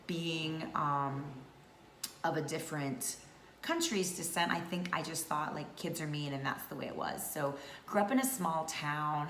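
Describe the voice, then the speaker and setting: A woman's voice: sits low, a bit bright. A woman in her thirties from North Georgia, chatting casually to camera as a vlogger with many fillers. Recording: echoey room with faint noise.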